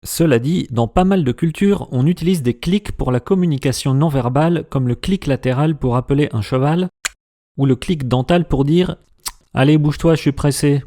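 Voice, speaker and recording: A man's voice: medium pitch, moderate pace, warm tone. A man giving a casual lesson and sounding out consonants to demonstrate them. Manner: demonstrating speech sounds aloud. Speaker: language teacher.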